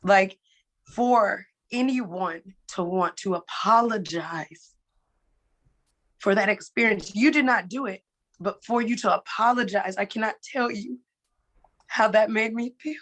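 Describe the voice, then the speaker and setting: A woman musician speaking as a guest in a candid online conversation, emotional and halting, often repeating her words. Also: medium pitch, fairly bright tone. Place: online webinar call.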